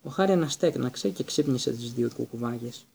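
A man narrating an audiobook in an even, storytelling manner. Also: mid-range voice, gravelly, slightly rough. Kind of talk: scripted narration.

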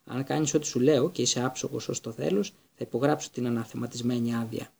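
A man reading an audiobook voices a loud, bullying middle-aged uncle who growls his threats. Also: mid-range voice, fairly even intonation. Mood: snarling. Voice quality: growling, gravelly.

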